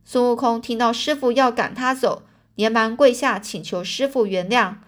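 A woman's voice: fairly high pitch, moderate pace. A woman reading a children's storybook aloud, stopping to explain words in a chatty way.

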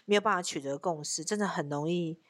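A woman co-hosting a frank, animated relationship chat and telling stories. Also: fairly low pitch, quick pace. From Taiwan. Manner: animated storyteller, bursts of laughter. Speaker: co-host, tarot reader.

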